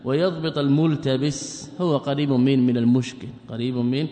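A man's voice: mid-range voice, fairly even intonation, normal speed, warm tone. A man teaching a classical book in a lecture, often asking rhetorical questions and repeating phrases. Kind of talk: lecture explaining a text. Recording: long hall reverb.

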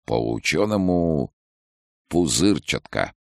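A man doing a calm old country grandfather who treats children with herbs. He speaks slowly and folksily, in a deep gravelly voice, recorded close and dry. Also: dry recording, exaggerated voice. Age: older. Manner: slow, unhurried, folksy. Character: calm, slow old village herbalist grandfather.

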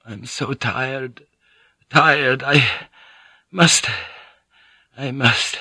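A man's voice: fairly high pitch, slow, pushed and bright, no echo, clean studio sound, pitched above the performer's own voice, heavily acted. A man doing a frail old Spanish monk. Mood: gentle, weary. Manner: thick, sibilant peasant voice, pleading then bitter.

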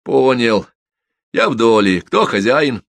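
A man voicing a rough, hoarse drunk criminal watchman who talks in coarse slang. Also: medium pitch, lively intonation, slow, no echo. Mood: gruff.

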